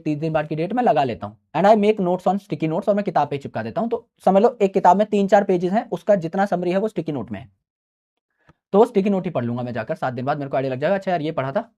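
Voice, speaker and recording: Here a man with a fairly high, warm voice offers casual mentoring to students, brotherly and chatty, often asking "right?" to check they're with him. The sound is lo-fi.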